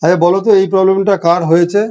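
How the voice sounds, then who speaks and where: A man's voice: sits high, level tone, dark tone, smooth. Bengali-accented male teacher, dull audio. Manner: explains step by step, reads questions slowly in English. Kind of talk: online exam-prep class.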